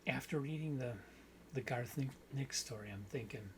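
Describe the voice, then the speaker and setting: A man's voice: medium pitch, moderate pace, a bit bright, poor audio. A man with a mid-range voice hosts a casual book discussion. He thinks aloud, rambles and corrects himself as he goes, over a faint background hiss. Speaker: book channel host.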